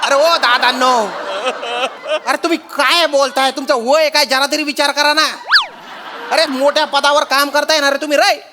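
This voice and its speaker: A man's voice: extremely high pitch, fairly even intonation, normal speed, in a large hall, background noise. A man performing sketch comedy who exclaims, pleads and reacts with laughter. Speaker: stage comedian.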